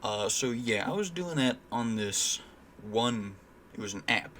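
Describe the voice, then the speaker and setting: A man's voice: mid-range voice, lively intonation, unhurried, fairly bright tone, slight background noise. A young man ranting casually and indignantly in a vlog, swearing freely and using lots of fillers. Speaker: vlogger.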